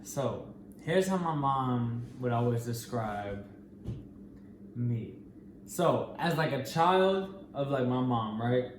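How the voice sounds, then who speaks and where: Casting: American man, twenties, mid-pitched voice, slangy casual vlog talk, roomy sound with faint noise. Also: expressive, slow. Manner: informal, slangy. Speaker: co-host of a couple's Q&A. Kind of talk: casual chat.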